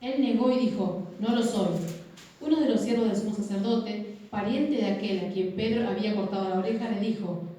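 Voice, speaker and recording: A woman reads scripture aloud in a steady, measured way, her voice mellow and unhurried. She sounds distant from the mic, and the church around her rings with a strong echo. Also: mid-range voice. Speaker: scripture reader. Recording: echoey church from far off.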